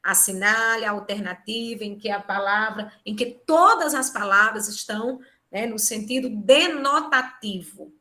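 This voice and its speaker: A woman's voice: mid-range voice, moderate pace, bright, forceful tone. A woman with a Brazilian Portuguese accent teaching a live online exam-prep class, explaining step by step and checking in with tag questions, on a computer microphone. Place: home or office, live video conference. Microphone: computer microphone on video call.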